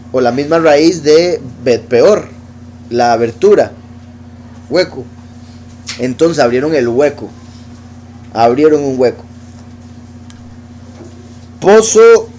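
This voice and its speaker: A man teaching a Bible study, reading verses aloud and slowly spelling out Hebrew words as he explains them. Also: on the high side, warm tone, a little hiss or hum. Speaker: teacher of scripture.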